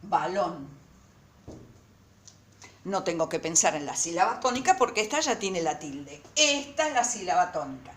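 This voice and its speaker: A woman teacher talks her students through a recorded lesson. She goes slowly and stresses each word, and her pitch climbs and falls a lot. The room around her sounds echoey. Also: big pitch swings, a little hiss or hum. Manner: slow, emphatic, repeats words syllable by syllable.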